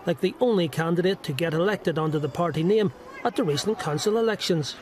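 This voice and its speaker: A man's voice: a little high, brisk, darkish tone, slight background noise. A man narrating a scripted political news report.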